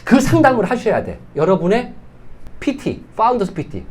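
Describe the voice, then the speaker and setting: Husky man with a lively, high voice. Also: moderate pace. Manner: emphatic, fires rhetorical questions at the audience; acts out quoted dialogue. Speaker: business team leader giving a seminar. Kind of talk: sales training lecture.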